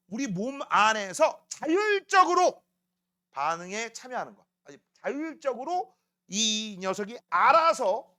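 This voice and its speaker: A man's voice: very high voice, sharp tone. A man teaching a middle school science class, joking and teasing students and constantly asking if they follow. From South Korea.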